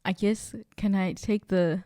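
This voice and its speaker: A woman's voice: medium pitch, steady tone, a little slow, warm tone, no echo, clean studio sound. A young woman with a South African accent talking casually as a podcast guest. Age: young adult. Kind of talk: casual conversation.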